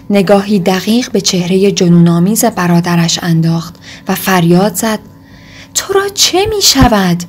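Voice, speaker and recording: A woman narrating an audiobook in a calm, measured reading. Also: fairly low pitch, slightly rough. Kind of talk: scripted narration.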